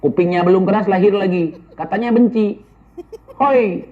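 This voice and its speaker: A man talks in a high voice, answering viewer questions in casual commentary. He is blunt and scolding and keeps firing rhetorical questions. The audio is thin and tinny, like a phone line. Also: normal speed, a little hiss or hum.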